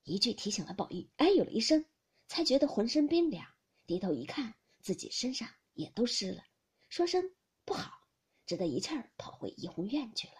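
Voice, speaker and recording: With a husky, mid-range voice, a woman narrates a classic novel as an audiobook. She reads expressively, slipping into whispered passages many times.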